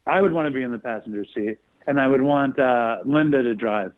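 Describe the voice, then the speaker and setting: Man on a tinny phone line. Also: medium pitch. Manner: hesitant and halting, full of ums and restarts. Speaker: podcast guest. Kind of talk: casual interview chat.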